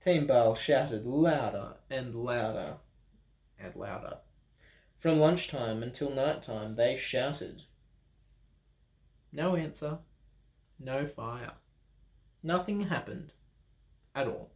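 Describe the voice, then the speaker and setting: An Australian man reads a picture book for children in a church room, mixing in playful, chatty remarks. His mid-range, darkish voice is expressive and slow, with frequent pauses, and the space produces a roomy echo.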